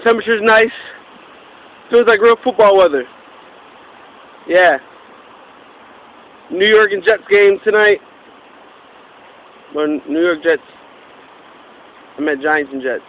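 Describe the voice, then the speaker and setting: A man's voice: high-pitched, takes it slowly, pauses often, a bit bright, lo-fi sound. A man giving a casual, off-the-cuff field weather report outdoors, speaking in short clipped phrases. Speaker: amateur storm reporter. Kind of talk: mock live weather report. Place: outdoors in a breeze. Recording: windy outdoor recording with mic noise.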